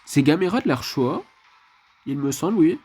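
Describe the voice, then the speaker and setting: A man's voice: fairly high pitch, animated, moderate pace, darkish tone, breathy edge. A man giving casual commentary over his mobile game match, chatty and leaning on filler phrases. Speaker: mobile game channel host.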